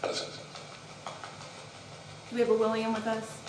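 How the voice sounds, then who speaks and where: A woman's voice: on the high side, completely flat delivery, unhurried. A woman paranormal investigator chatting casually and putting questions to spirits inside an old house. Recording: roomy, distant mic, noisy ambience.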